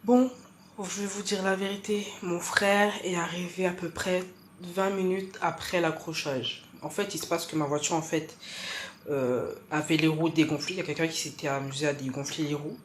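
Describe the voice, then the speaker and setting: A woman's voice: on the low side, steady tone, moderate pace, a little hiss or hum. A woman narrating a personal story in casual slang, chatty and full of fillers, hosting her own channel. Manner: slangy, chatty, acts out dialogue.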